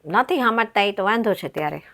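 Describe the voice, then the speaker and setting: A woman's voice: medium pitch, expressive, a little fast, fairly bright tone. A woman giving her opinions in a casual discussion about family quarrels. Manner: opinionated, explaining.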